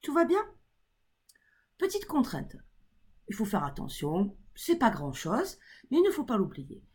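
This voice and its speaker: A woman teaching a grammar lesson to her class, who keeps checking that the students follow and spells out letters slowly. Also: fairly high pitch, wildly swooping pitch, darkish tone, breathy edge. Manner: encouraging, checks in with the class often. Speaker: English teacher.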